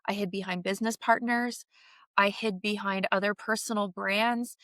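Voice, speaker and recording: Bright-voiced Canadian woman telling a story. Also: mid-range voice, moderate pace, dry recording, studio quality. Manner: animated, vivid storyteller who acts out quoted voices. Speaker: podcast co-host. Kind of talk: candid conversational storytelling.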